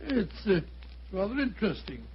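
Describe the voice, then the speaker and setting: A bluff, amiable British doctor in a vintage radio play. His voice sits high for a man, with blustering exclamations and stammered repeats, on a dull recording with clear background noise. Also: very animated, normal speed. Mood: curious. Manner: blustering, exclamatory, hesitant repetitions. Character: bluff, amiable middle-aged English doctor, detective's sidekick. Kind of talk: 1940s radio acting.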